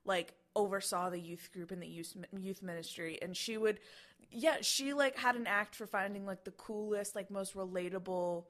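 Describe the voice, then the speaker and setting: A woman's voice: mid-range voice, moderate pace, fairly bright tone. A woman in her twenties co-hosting a podcast, chatting casually with many fillers and restarts. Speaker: podcast co-host. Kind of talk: casual chat.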